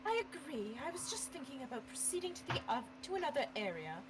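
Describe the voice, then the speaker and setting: A man voicing a calm, soft-spoken young woman in a hushed, quiet voice while reading a game script with friends. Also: very high voice, quick pace, background noise, voice pushed up. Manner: hushed, quiet, drawn-back delivery.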